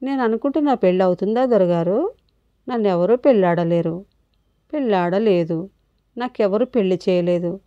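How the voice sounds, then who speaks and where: A gentle, sorrowful older woman, read by a woman narrator in a soft and tender way. The voice is mellow and warm, and the recording is dry and a little dull. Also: mid-range voice, moderate pace, pauses often, no room sound, close to an everyday voice.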